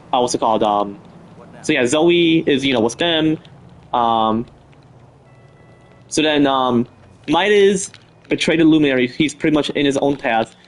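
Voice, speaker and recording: A man's voice: medium pitch, slight background noise. A man hosting a live stream, chatting casually and rambling with lots of fillers and restarts. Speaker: stream host. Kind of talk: casual chat.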